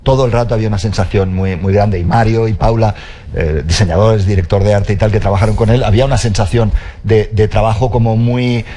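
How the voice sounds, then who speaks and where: A man speaking as co-presenter at a book presentation, conversational and halting, repeating himself. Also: fairly low pitch, steady tone, dark tone. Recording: live event with background noise.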